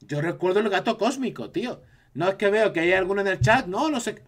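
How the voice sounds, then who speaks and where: A man's voice: sits high, animated, a little fast. A man from Spain with a Spanish accent, chatting casually on a live stream and reacting to his chat.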